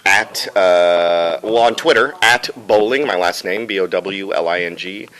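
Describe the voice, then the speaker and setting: A man, a voice actor, chatting casually in an interview, rambling and animated. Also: sits low, a little slow, poor audio. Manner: animated, rambling, laughs often. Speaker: voice actor guest.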